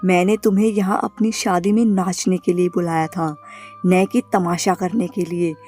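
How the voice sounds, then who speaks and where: A woman's voice: on the low side, steady tone, normal speed, warm tone, soft background music, close to an everyday voice. A woman voicing a ruthless female witch who speaks in cold, scornful threats in a horror storybook.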